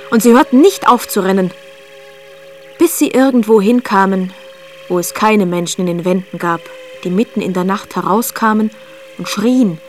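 Woman reading a children's story. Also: mid-range voice. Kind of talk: scripted storybook narration. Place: recording studio.

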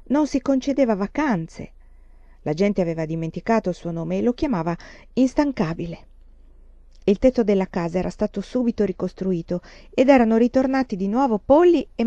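Woman reading a story aloud, calm and steady, mellow tone, dull dry lo-fi recording. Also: mid-range voice, no echo. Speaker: audiobook reader.

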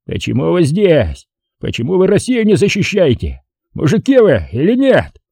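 A rowdy, drunken army officer who swaggers and goads everyone around him, as a male reader puts him on. The voice sits well above the reader's own, gravelly and husky, with wild swings in pitch. It is told as a storybook scene. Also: huge pitch swings, moderate pace, warm tone, dry recording, heavily acted. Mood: taunting. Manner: boisterous drunken bluster. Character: drunk brawling army lieutenant colonel, loud and cocky.

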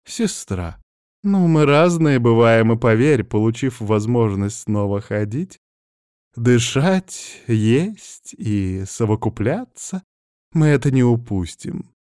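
Man voicing a mocking possessed young woman, teasing, a bit raised pitch, dry sound. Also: expressive, takes it slowly, darkish tone, clear, resonant tone, no room sound. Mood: taunting. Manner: sly, taunting.

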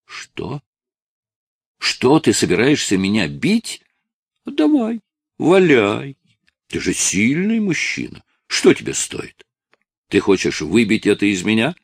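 A man voicing a desperate, tearful eighteen-year-old male addict who shouts and pleads with his father, in a dry, close recording. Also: on the low side, wildly swooping pitch, takes it slowly, vocal fry, pauses often, slightly rough, dry recording, full character voice. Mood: agitated.

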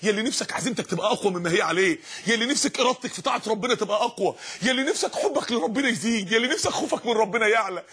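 A man preaching with an Egyptian accent, fervent and dramatic, rising to shouts and posing rhetorical questions. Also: high-pitched, lively intonation, racing, hardly any pauses, background noise. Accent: Egyptian Arabic. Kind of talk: impassioned sermon.

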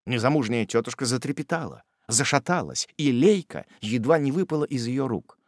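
A man narrating a classic novel as an audiobook reader, in an expressive, measured storytelling manner. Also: mid-range voice, dry recording, studio quality.

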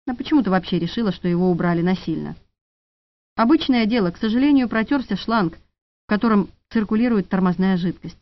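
A woman voicing a gruff, impatient police major who speaks curtly and snaps, in a dull, dry studio recording. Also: medium pitch, lively intonation, a little fast, dry recording, natural voice. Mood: brusque. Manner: curt, snapping.

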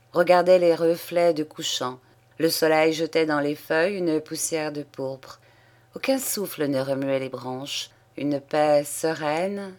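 A woman reading a classic short story aloud, measured and unhurried. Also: sits low. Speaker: audiobook reader. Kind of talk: literary narration.

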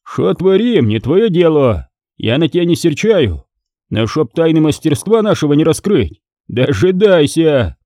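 A man voicing a burly, good-natured village blacksmith who booms and placates. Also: sing-song, measured pace, mellow, dry recording, clean studio sound. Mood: placating. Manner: booming, placating.

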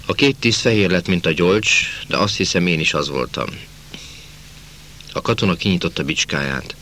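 A man narrates a novel in the first person with a measured, dramatic delivery. His voice is deep and sits low, with a forceful, slightly sharp tone. A faint hum lies under the reading. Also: expressive. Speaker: audiobook narrator.

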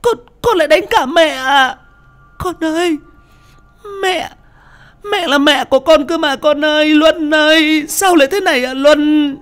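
A man voicing a frantic middle-aged village mother, shrill and scolding. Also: a little slow, a bit bright. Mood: tearful pleading.

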